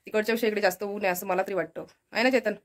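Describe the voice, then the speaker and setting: Fast-talking chatty woman vlogger. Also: medium pitch, steady tone. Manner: chatty, walks about showing the house. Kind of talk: casual vlog chat. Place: village home, indoors and out.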